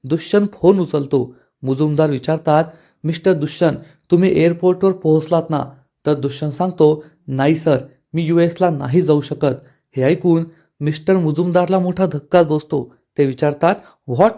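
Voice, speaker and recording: Recap narrator, male, somewhat high voice with a gravelly, mellow tone; reads out character dialogue. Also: normal speed. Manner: retells scenes, reading characters' lines aloud in turn.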